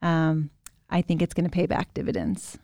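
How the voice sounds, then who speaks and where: Woman, podcast host, somewhat low voice, dry close sound, encouraging, chatty. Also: big pitch swings, normal speed, dry recording. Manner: warm, encouraging, chatty with fillers.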